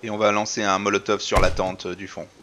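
A man's voice: on the low side, flat delivery, fast talker, background noise. A man casually commenting while playing a survival game, muttering and talking to viewers. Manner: chatty, mutters to himself, addresses viewers. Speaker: let's play host.

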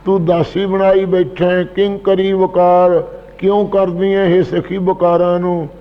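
A man's voice: sits high, flat delivery, measured pace, in a large hall, lo-fi sound. A man earnestly expounding scripture line by line, addressing his listeners directly.

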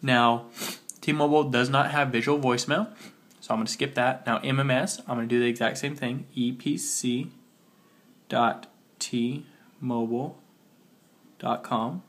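A man's voice: mid-range voice, steady tone, a bit bright. Slightly muffled man, sick, giving a tutorial. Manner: talking while working on a phone, spelling things out slowly. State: sick with a cold. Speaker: tutorial host. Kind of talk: casual step-by-step phone tutorial.

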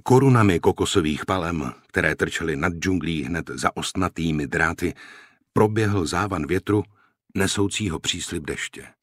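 A man narrating an audiobook in a measured, even storytelling manner, close to a studio mic. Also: sits low, no echo.

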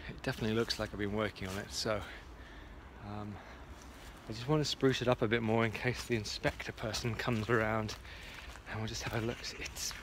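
A man's voice: fairly low pitch, steady tone, brisk, background noise. A man in his forties chatting casually to a phone camera while walking around his garden allotment, muttering to himself as he checks on things. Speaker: vlogger. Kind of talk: casual walk-and-talk vlog. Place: outdoor garden allotment at dusk. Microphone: phone camera at arm's length.

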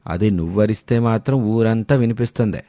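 A man's voice: fairly low pitch, brisk, mellow, dry recording, studio quality, lightly acted. A man voicing a teasing, easygoing old father-in-law in a cartoon story, joking with his wife.

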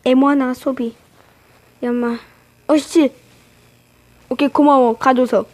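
A woman's voice: high voice, fairly even intonation, slow pace, darkish tone, rough recording. A woman commenting on her own gameplay as a channel host, playfully teasing and trash-talking her opponents. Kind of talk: live game commentary.

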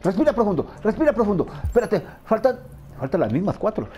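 Frantic gamer talking to himself. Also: male voice, high voice, big pitch swings, fast talker, warm tone, muffled recording, a little hiss or hum. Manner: frantic, talks to himself, repeats words. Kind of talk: let's play commentary.

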